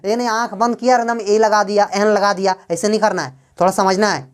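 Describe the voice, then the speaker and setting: A woman teaching English grammar to a class, asking questions and answering them herself, and drawing out example words slowly. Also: medium pitch, steady tone, clear, resonant tone.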